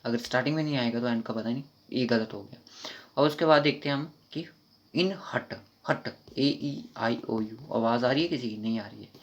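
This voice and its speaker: A man with a Kashmiri accent teaching an online English grammar lesson, explaining quickly and informally and reading the English sentences out slowly. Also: mid-range voice. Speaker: exam prep teacher. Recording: dull lo-fi recording.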